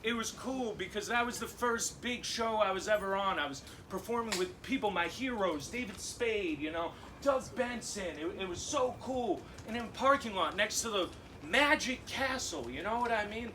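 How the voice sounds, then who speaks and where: A man's voice: sits high, expressive, moderate pace, few pauses, far from the mic. A young man doing a loose stand-up set, swearing and laughing through his punchlines, on a handheld stage mic. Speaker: stand-up comedian. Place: comedy club stage with live audience. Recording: live room noise clearly audible.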